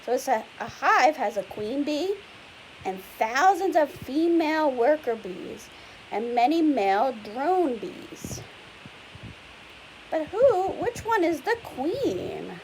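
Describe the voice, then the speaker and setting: Reading a picture book to little kids slowly, a woman with a high-pitched voice and big pitch swings explains things simply and patiently, posing questions to the listener. Noticeable hiss and background noise mar the rough recording.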